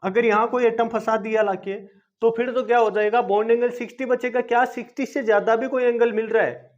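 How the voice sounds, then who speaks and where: Male teacher with a very high voice, self-answering questions, dull lo-fi recording. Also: fairly even intonation, brisk. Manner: asks questions and answers them himself; repetitive, coaxing teaching. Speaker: chemistry teacher. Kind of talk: classroom-style video lesson. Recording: dull lo-fi video lesson recording.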